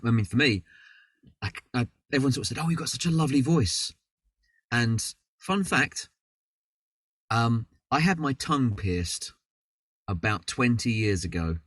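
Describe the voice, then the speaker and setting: A husky, medium-pitched man from London, England, appears as a voice actor guest in a casual interview chat. The audio comes over a video call and sounds distant, though without echo. He rambles in a chatty, self-deprecating way with many fillers.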